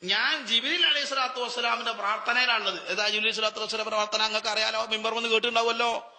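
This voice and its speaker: Bright-voiced preacher in an echoing hall. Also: male voice, sits high, fairly even intonation, quick pace. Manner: dramatic storytelling with rhetorical questions and answers. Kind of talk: Ramadan sermon. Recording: long hall reverb.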